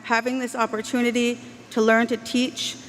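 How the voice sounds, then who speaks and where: A woman's voice: on the high side, level tone. Earnest woman speaking in a reverberant hall. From Canada. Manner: measured, earnest and heartfelt delivery. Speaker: graduand speaker. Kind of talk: formal convocation speech. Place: large indoor ceremony hall. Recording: long hall reverb, faint background hiss.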